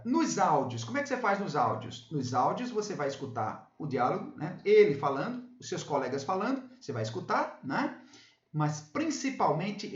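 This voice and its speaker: A Brazilian man teaching English in a casual video lesson. He often repeats himself and checks in with his viewers. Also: sits high. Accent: Brazilian Portuguese. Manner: repeats himself, tags phrases with "tá bom?". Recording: echoey room, slightly dull sound.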